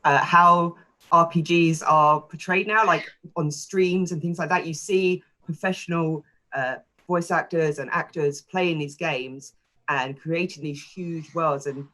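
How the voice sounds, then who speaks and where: A woman chatting on a panel, talking easily and filling her sentences with little pauses. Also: low voice, fairly even intonation, bright, forceful tone. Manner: chatty, with frequent fillers. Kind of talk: panel discussion.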